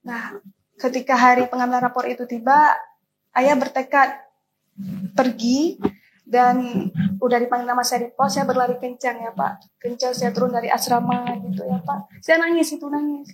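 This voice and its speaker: High-voiced earnest young woman, tearful. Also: fairly even intonation, normal speed, a little hiss or hum, poor audio. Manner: earnest, tearful, addresses the interviewer often. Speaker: interviewee, student. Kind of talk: emotional personal storytelling.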